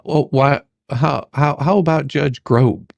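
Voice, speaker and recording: Playing a clumsy, sarcastic questioning lawyer, this dramatic reader performs a comedic deposition with halting theatrics. His medium-pitched voice carries vocal fry and a darkish tone, with no echo in the recording.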